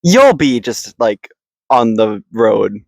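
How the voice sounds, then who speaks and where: Deadpan young man teasing outdoors. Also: medium pitch, slow pace, vocal fry, no room sound, rough recording. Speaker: podcast co-host. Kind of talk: casual chat. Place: outdoors in the woods. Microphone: handheld mic passed between speakers.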